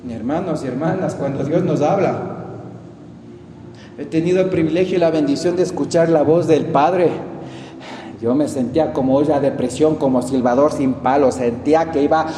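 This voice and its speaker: A preacher with an Ecuadorian accent gives an emphatic sermon, swinging between loud outbursts and hushed asides. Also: male voice, fairly high pitch, moderate pace. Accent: Ecuadorian Spanish. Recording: echoey hall with long reverb and faint noise.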